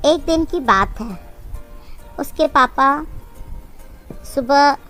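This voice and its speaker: A high, slow storyteller voice for a children's cartoon, telling the tale in a sing-song way with light music playing underneath. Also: expressive, sharp tone.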